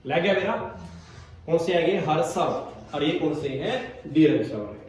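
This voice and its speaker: A man's voice: on the high side, lively intonation, measured pace, darkish tone. A man teaching a grammar class, quizzing students and repeating his questions. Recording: echoey classroom, from far off.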